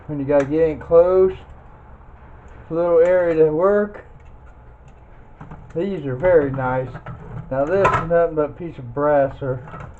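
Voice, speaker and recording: Here's a man with a fairly high pitch who keeps a measured pace and leaves long pauses. As a video host, he gives a casual scrap metal teardown demo, musing aloud in a folksy way while working, over dull lo-fi audio with faint noise and clicks.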